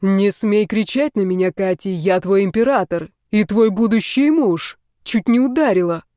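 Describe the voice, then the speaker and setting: A smug young emperor, read by a woman narrator in a storybook audiobook. He speaks in a calm, measured way, with a level mid-pitched voice. The recording is dry and close. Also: dry recording, close to an everyday voice. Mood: cold assured.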